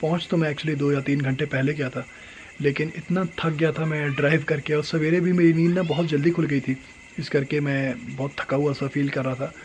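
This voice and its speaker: A young man, a travel vlogger, excitedly showing off a homestay room at night and slipping English phrases into his talk. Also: on the high side, fairly quick, a little hiss or hum, poor audio. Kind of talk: casual vlog walkthrough.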